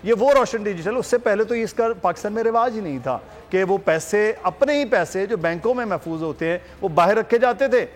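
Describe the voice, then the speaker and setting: A man's voice: sits high, expressive, brisk, hardly any pauses, in a large hall. A man anchoring a news talk show, explaining figures for viewers step by step.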